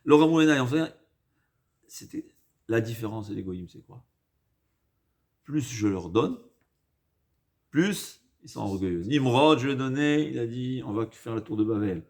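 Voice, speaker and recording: A man with a foreign accent in French, not his native language, giving an informal Torah lesson, haltingly repeating and rephrasing and mixing in Hebrew quotations. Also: mid-range voice, lively intonation. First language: not a native French speaker. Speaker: rabbi giving a religious lesson.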